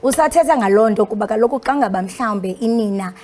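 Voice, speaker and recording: A woman's voice: fairly high pitch, animated, fast talker, mellow, slight background noise. Woman host with a Xhosa accent. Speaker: broadcast host. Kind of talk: interview hosting.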